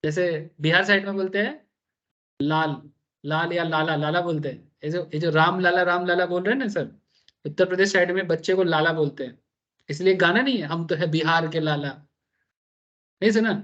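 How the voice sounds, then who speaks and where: A man's voice: high voice, a little fast, fairly bright tone, muffled recording. A man giving a chatty, wandering classroom lecture on tax and often checking in with his students. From Bengal, India. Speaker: tax teacher.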